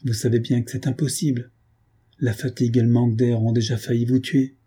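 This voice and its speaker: A man reading an audiobook, voicing a gentle, heartbroken young woman who speaks softly and tremulously. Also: medium pitch, little pitch movement, a little fast, breathy edge. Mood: tender. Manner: soft, trembling, tearful.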